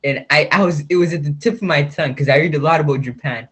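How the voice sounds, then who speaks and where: A man on a college team, answering interview questions in a halting way as he searches for words. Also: fairly high pitch, a bit bright, slightly rough.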